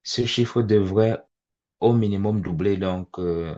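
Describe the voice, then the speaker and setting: A man's voice: lowish voice, slow, warm tone. A man in his forties speaking to parents in a webinar, with a hesitant delivery full of fillers and repeated words. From immigrant to Canada. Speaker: webinar facilitator. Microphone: video call. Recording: dull lo-fi video call audio.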